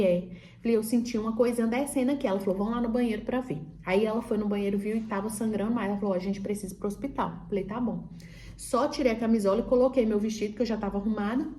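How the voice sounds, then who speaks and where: Her voice is warm and fairly high-pitched. A vlogger, she relates the story of giving birth in an easygoing, talkative way, voicing the dialogue herself and leaning on plenty of fillers.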